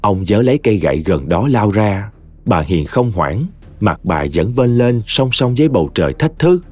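A man narrating a short story in a dramatic, expressive audiobook reading. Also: lowish voice, normal speed. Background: soft music.

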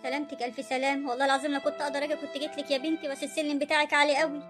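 A woman voicing a poor, gentle older mother-in-law in an Egyptian cartoon story, pleading and self-effacing, with an Egyptian accent. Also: sits high, flat delivery, rapid-fire, over music, natural voice.

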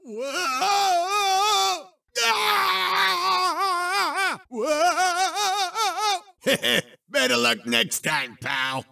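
An actor playing a big, loud, cocky and obnoxious cartoon mime in a video game, with a gravelly, boisterous, taunting voice. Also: male voice, very high-pitched, huge pitch swings, extremely slow, recorded from a distance, exaggerated voice. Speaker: video game racer character. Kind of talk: exaggerated cartoon game voice clips.

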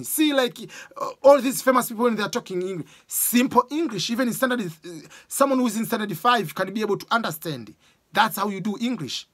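A man in his forties from Tanzania with a Tanzanian accent, giving animated casual exam advice to a close camera in a small room. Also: extremely high pitch, husky. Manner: animated, gestures a lot, uses sports examples. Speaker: education vlogger. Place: small room with bookshelves, indoors. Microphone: camera close up, webcam framing.

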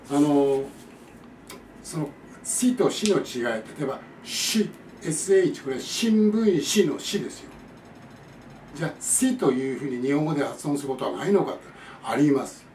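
A man giving a spoken pronunciation lesson, explaining patiently and repeating example words slowly. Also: a little high, lively intonation, mellow. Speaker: English conversation teacher. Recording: echoey room, distant mic, faint noise.

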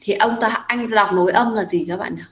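A woman's voice: medium pitch, a little fast, crowd noise, rough recording. A young adult woman teaching an English class. She explains each phrase step by step. She keeps coaxing her students with repeated questions.

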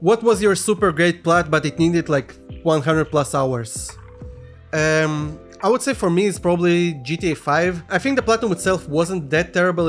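A man in his thirties from Russia, casually reading viewer questions aloud and answering them in a relaxed vlog, on a studio mic in a small room. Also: a little high. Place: small room with neon lights, indoors. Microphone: studio mic on stand in front.

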